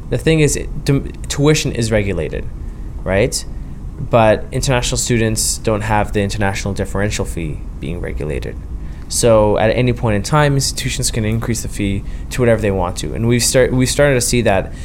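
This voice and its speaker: A man's voice: fairly low pitch, lively intonation, fairly quick, hardly any pauses, slight background noise. A young man, a student union president, explaining in an interview with frequent ums and tag questions.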